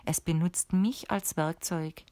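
A woman voicing a calm, friendly male sorcerer in an audiobook, speaking softly and unhurriedly, close to the mic. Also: on the high side, slow, no room sound. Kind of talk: audiobook character voice.

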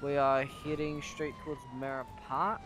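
A man making halting radio call-outs in casual game chat as a police recruit. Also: medium pitch, wildly swooping pitch. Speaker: player acting as police recruit. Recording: sirens and engine noise behind.

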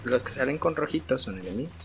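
Excitable Mexican woman coaching a game. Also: extremely low pitch, quick pace, creaky, slight background noise. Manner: coaxing and excitable, cheering and yelling at enemies. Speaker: gaming channel host. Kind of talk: casual gameplay chat with a child. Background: game music.

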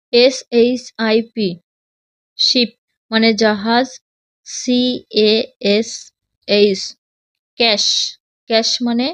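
A woman teacher speaks slowly and patiently in a fairly high voice, spelling words out letter by letter before explaining each one for children. The recording is dry and close, with a muffled, lo-fi sound. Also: dry recording. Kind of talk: children's textbook lesson. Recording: dull lo-fi, dry.

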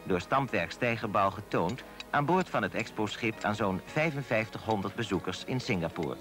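Male narrator, lowish voice, formal scripted read over prominent music. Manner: measured, formal. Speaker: documentary narrator. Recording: voice-over with loud music behind.

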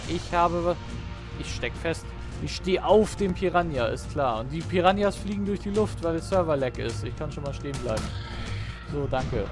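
A man's voice: a little high, animated, moderate pace. A man giving gameplay commentary, exasperated, swearing at the game and calling to the creatures on screen. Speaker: let's play gamer. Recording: game music loud behind voice. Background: game music.

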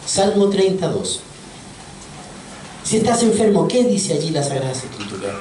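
A man's voice: a little high, big pitch swings, moderate pace. A man preaching a sermon in a church, earnest and asking his congregation questions. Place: church sanctuary. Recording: echoey church audio from far off, faint noise.

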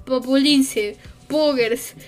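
A young woman chats casually with her stream viewers, her voice sitting high. She rambles through fillers as she reads and answers chat. Soft music plays faintly in the background. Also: very slow.

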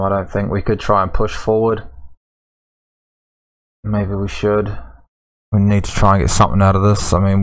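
A man, giving casual, dryly grumbling commentary while playing a game. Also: fairly low pitch. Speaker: gaming video host. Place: small room at home, indoors.

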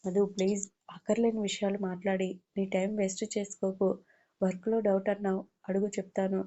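A woman voicing a soft-spoken young man in love. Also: mid-range voice, flat delivery, fairly quick, muffled recording, natural voice. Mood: pleading. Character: young man torn between love and duty.

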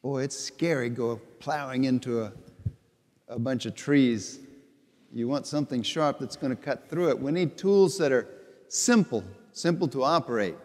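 A middle-aged man, a bishop, giving a homily at Mass in a slow, deliberate, conversational way with repeated phrases. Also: medium pitch. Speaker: bishop preaching. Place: large church sanctuary before the altar. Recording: long church reverb.

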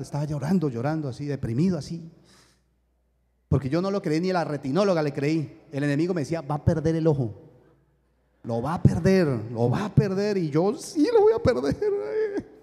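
A man's voice: a little high, a little mellow, in a large hall. A man preaching a sermon, telling a personal story and acting out the dialogue, with emphatic rhetorical questions.

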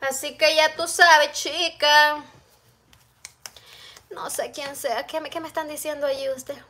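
A woman's voice: high-pitched, fairly even intonation, measured pace, bright, forceful tone, a little hiss or hum. A middle-aged woman, chatting casually on a phone live stream from her home kitchen while cooking and reading out viewers' comments. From El Salvador. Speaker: vlogger. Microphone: phone camera close-up.

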